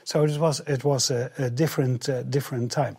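A man from the Netherlands, a guest telling his story in short halting bits with many fillers and restarts for an interpreter. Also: mid-range voice, steady tone, a little mellow, breathy edge. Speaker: guest, travel coordinator.

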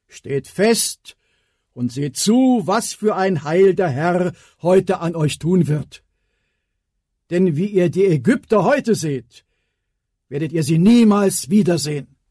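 A man voicing Moses as a steady, solemn leader, speaking slowly and emphatically. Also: high-pitched, slightly rough, dry recording, studio quality, voice pushed up, full character voice. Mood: solemn, reassuring.

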